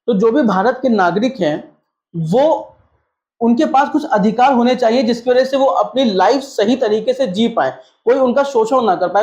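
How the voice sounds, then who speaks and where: High-voiced teacher lecturing in an echoey room. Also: male voice, a little mellow. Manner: asks rhetorical questions and answers them; mixes English terms into Hindi. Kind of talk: classroom-style lecture. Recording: echoey room, slightly dull sound.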